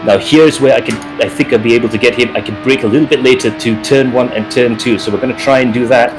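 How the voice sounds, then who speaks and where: A man commentating his own sim race as he drives, with excited play-by-play that rises at each battle. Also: medium pitch, quick pace, over music, rough recording. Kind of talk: live race commentary while driving.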